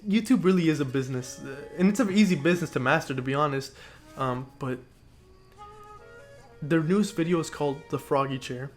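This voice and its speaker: A man's voice: a little high, fairly quick, faint music behind. A young man co-hosting a casual podcast, rambling with lots of fillers and restarts. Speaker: podcast co-host and YouTuber. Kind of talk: casual chat.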